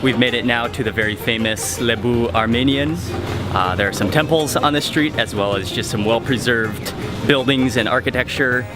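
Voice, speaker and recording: With a mid-range voice at normal speed, this male vlogger casually narrates his outing straight to camera. Behind him are music, street sounds and passing vehicles.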